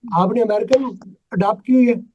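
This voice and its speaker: A man's voice: high voice, moderate pace, darkish tone, muffled recording. A man from Pakistan teaching an English class over a video call, emphatic and quizzing his students. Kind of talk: live online class.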